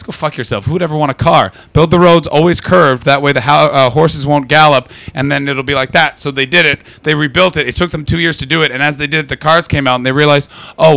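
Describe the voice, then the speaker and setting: A man doing stand-up crowd work, brash and profane, teasing the audience and breaking into loud shouts. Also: on the high side, vocal fry, no room sound. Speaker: stand-up comedian. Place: London comedy club.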